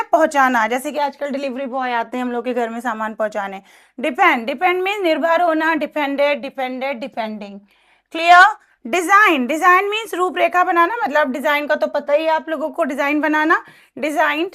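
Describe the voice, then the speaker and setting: Woman, bright high voice, patient teacher repeating words for pronunciation. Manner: mixes Hindi and English, repeats each verb form slowly; careful pronunciation drills. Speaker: English teacher. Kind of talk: spoken grammar lesson.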